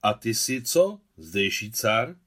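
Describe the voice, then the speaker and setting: A man's voice: on the low side, big pitch swings, a bit bright. A man reading aloud who voices a proud, condescending giant king from a dream. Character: towering ancient conqueror king in a dream, man.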